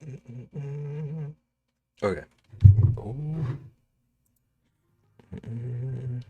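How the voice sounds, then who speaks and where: A man's voice: medium pitch, drawn-out words, warm tone, husky, muffled recording. A man streaming live while he draws, chatting casually and humming and muttering to himself as he works. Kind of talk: casual chat while drawing. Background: faint background music.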